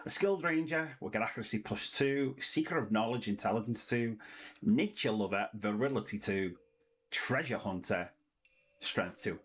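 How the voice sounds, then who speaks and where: A man's voice: on the low side, fairly bright tone, a little hiss or hum, low-quality recording. A British man doing casual let's-play commentary, chatty and reading the game's text aloud in a sing-song way. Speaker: gaming channel host.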